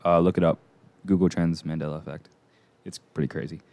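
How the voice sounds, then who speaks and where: A man's voice: low-pitched, flat delivery, a little fast, darkish tone, no room sound. A young man hosting a casual podcast chat, rambling and unsure, with lots of fillers. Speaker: podcast host.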